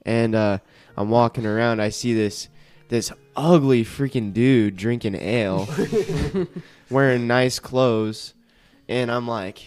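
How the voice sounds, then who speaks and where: A man's voice: mid-range voice, steady tone, darkish tone, clean tone. A young man playing a tabletop game with friends, joking around in slangy teen speech. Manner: slow, joking, slangy, says bro a lot. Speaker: player. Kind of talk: tabletop role-play banter. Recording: music playing behind.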